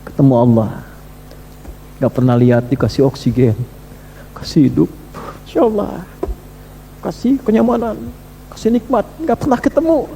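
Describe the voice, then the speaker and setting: Preacher with a high voice in a hall. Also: male voice, warm tone. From Indonesia. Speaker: Islamic preacher. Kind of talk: sermon. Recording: reverberant hall with faint noise.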